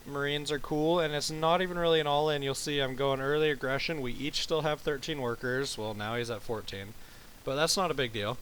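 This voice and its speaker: A man's voice: mid-range voice, fairly even intonation, a little fast, fairly bright tone, slight background noise. Male game caster, mid-range voice, sleepy and easygoing, casual cursing. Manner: laid-back, rambling, swears casually. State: tired. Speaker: game commentator. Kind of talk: casual gameplay commentary.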